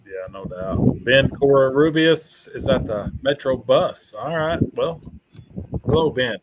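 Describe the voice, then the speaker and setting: A man's voice: mid-range voice, animated, measured pace, background noise. Man greeting livestream viewers. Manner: reads out viewer names, brief friendly greetings. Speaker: livestream co-host. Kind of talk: casual livestream chat.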